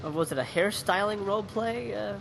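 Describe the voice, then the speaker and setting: A man's voice: high-pitched, vocal fry, a little hiss or hum, low-quality recording. A man hosting an interview podcast, chatting enthusiastically and often restarting his sentences. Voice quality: animated storyteller. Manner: halting and enthusiastic, many restarts. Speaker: podcast host. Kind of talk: casual interview chat.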